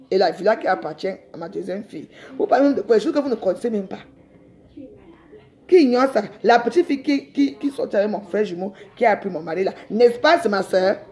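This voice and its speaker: A woman's voice: medium pitch, a little mellow. A middle-aged woman, ranting defiantly on a live stream and rambling with repeated words. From Cameroon. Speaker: social media livestreamer.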